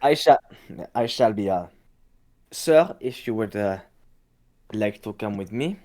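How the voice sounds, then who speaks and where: A man's voice: on the low side, lively intonation, measured pace, darkish tone. A man voicing a polite male official in a tabletop game, speaking formally with hesitations.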